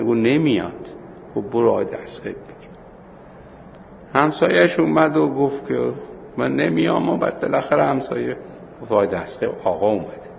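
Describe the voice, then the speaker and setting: A man with a gravelly voice teaching a seminary class on religious law. He tells anecdotes and acts out the dialogue, then slows right down to spell out a ruling. The recording is dull and lo-fi, with a faint hiss behind him. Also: medium pitch. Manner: storytelling, acting out dialogue, slows for points of law. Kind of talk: Islamic law lesson with anecdotes.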